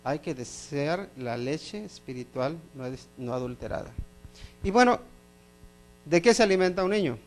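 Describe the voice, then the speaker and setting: A man's voice: a little high, animated, moderate pace, faint music behind. A middle-aged man preaching a sermon as pastor, emphatic, repeating phrases and asking the congregation questions.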